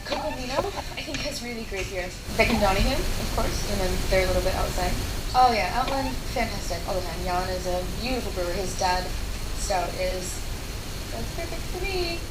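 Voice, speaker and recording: A woman's voice: medium pitch, a little fast. Chatty woman in an echoey noisy shop. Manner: relaxed, chatty, laughs easily. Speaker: beer expert guide. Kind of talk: casual chat on camera. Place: small bottle shop indoors. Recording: roomy shop sound with loud background noise.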